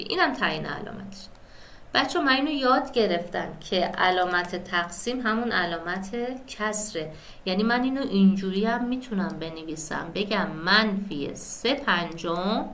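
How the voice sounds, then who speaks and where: Bright-voiced woman teaching math. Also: mid-range voice. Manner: addresses students as kids, checks with "right?". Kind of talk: step-by-step classroom explanation.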